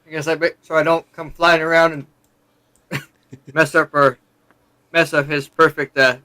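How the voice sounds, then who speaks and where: A man on voice chat during a game, loud and joking, laughing easily. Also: on the high side, flat delivery, moderate pace, smooth. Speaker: fellow player on voice chat. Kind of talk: casual voice chat while playing.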